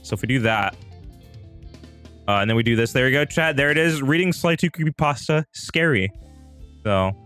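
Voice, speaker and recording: A livestream host chats casually and directly with his viewers, rambling and repeating himself. His voice is mid-range with a fairly bright tone.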